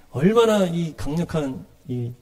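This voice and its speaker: A man's voice: a little high, dark tone. A middle-aged male pastor preaching a sermon in a conversational way, with many fillers and acted-out quotes.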